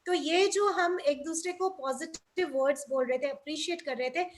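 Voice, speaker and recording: A woman's voice: high-pitched, normal speed. A woman trainer giving an enthusiastic, upbeat webinar talk over a video call.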